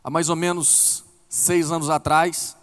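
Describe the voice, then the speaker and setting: A man's voice: flat delivery, unhurried, long reverb tail. A man in his forties with a Brazilian accent, preaching a sermon as a pastor and telling stories with big swings in his voice. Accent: Brazilian Portuguese. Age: 40s. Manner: emotional storytelling with big pitch swings. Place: church hall.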